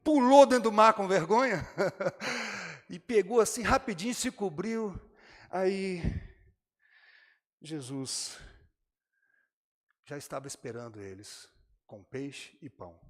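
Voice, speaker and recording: Brazilian pastor preaching in a reverberant church. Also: male voice, sits high, big pitch swings, slow pace, pauses often. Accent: Brazilian Portuguese. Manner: dramatic storytelling, acting out the characters' lines; addresses the congregation directly. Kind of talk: sermon.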